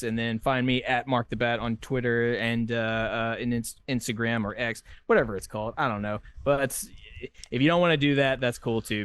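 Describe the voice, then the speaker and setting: A man's voice: medium pitch, fairly bright tone, clear, resonant tone, dry recording. A man co-hosting a podcast in casual chat, rambling with many fillers and restarts, joking and laughing as he goes. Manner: rambling, lots of fillers and self-corrections. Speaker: podcast co-host.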